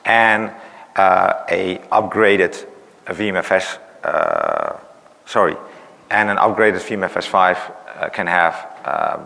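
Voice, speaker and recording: A man's voice: low-pitched, very animated, slow, vocal fry, sharp tone. A man giving a technical conference talk who is losing his voice, explaining with many "uh"s and "right?" tags. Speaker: conference presenter. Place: large conference hall. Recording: reverberant conference hall.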